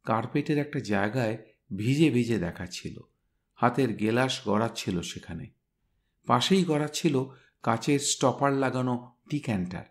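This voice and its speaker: A man reading a story aloud, voicing a smart young woman who briskly recounts a crime scene. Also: mid-range voice, expressive, natural voice. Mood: animated, brisk.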